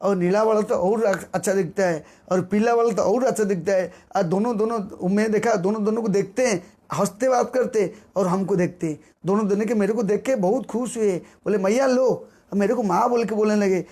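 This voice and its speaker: A man with a notably high voice preaches through a devotional tale. He repeats phrases for emphasis and slips into the voices of the people in the story, keeping the telling animated throughout. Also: brisk.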